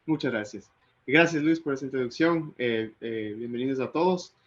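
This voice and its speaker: A man's voice: medium pitch, moderate pace, highs cut off. A man from Ecuador giving an online technical lecture, hesitating often with fillers and restarts.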